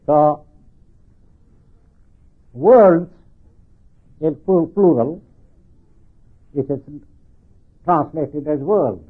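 Husky older preacher with denture-slurred, lips-over-teeth speech. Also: male voice, on the high side. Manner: deliberate, halting, repeats phrases for emphasis. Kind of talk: religious sermon explaining scripture. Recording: thin phone-like band-limited sound.

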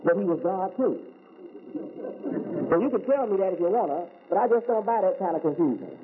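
Over a tinny, phone-like recording with faint hiss, an American man lectures on religion as an Islamic teacher. His voice is high-pitched and brisk with lively intonation, and he poses rhetorical questions while repeating key words.

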